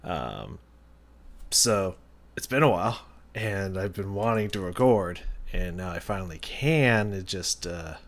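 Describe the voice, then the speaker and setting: Low-pitched man, slightly thin post-cold voice. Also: expressive, a little slow. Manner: laid-back, slangy, sweary. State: getting over a cold, throat-clearing. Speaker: music reaction channel host. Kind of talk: casual chat, album reaction intro.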